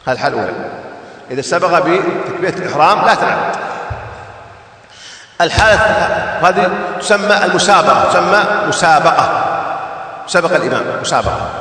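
A man's voice: fairly high pitch, expressive, brisk, long pauses, bright, forceful tone. A man teaching a religious text, repeating key points and singing out examples. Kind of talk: explaining a text in a lesson. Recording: echoey hall, voice from far off.

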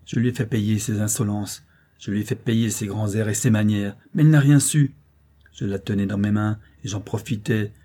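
A man reading the part of a dying man who speaks gruffly and forcefully, louder and higher than his narration. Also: fairly even intonation, normal speed, lightly acted. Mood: bitter.

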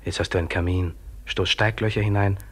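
A stern, disembodied inner voice from a radio drama, hushed and breathy, often sinking to a whisper. It gives terse, cold commands and insists without letting up. The tone sits low and the air is husky. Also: male voice, steady tone, fairly quick. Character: stern inner voice urging a buried man on.

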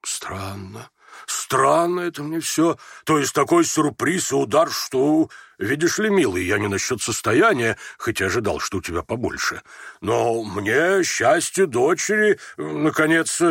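A man's voice: medium pitch, big pitch swings, measured pace, creaky, fairly bright tone, breathy edge, no echo, studio quality, heavily acted. A man reading aloud and voicing a bewildered, fussy older general who stammers and exclaims.

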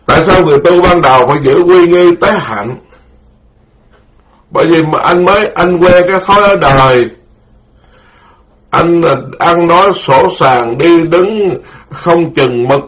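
A middle-aged man, a Buddhist monk giving a dharma lecture, speaking slowly and repeating key terms for his listeners. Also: fairly high pitch, fairly bright tone. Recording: dull lo-fi recording.

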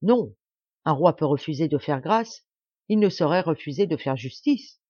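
A woman's voice: sits low, animated, extremely slow, dark tone, breathy edge, dry recording, dull audio, full character voice. A woman reader voicing a desperate, resolute middle-aged noblewoman who gives impassioned orders. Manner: impassioned, commanding exclamations.

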